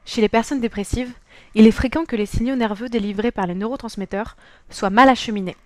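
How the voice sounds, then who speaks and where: A woman's voice: a little high, darkish tone, dry recording. A teenage girl from France narrating a scripted school presentation, reading a prepared text carefully and evenly. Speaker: student presenter.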